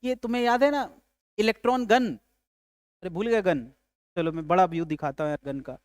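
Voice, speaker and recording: Man, physics teacher, casual lecture, chatty, jokey, high voice, smooth tone. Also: normal speed, dry recording. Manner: chatty, calls students "yaar", asks and answers own questions; jokes with students.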